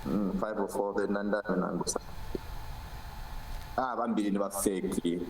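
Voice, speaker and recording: A man's voice: lowish voice, fairly even intonation, normal speed, a little hiss or hum. Zambian man on a roomy distant call. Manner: hesitant, many fillers and restarts, mixes in local words. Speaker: interview guest. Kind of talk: casual interview chat. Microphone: video call.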